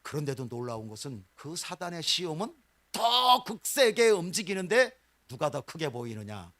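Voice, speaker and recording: A man preaching a sermon in a church. He talks in loud, high bursts that drop to quiet, low lines. He also acts out the voices of believers and of God. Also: very animated, normal speed. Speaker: pastor.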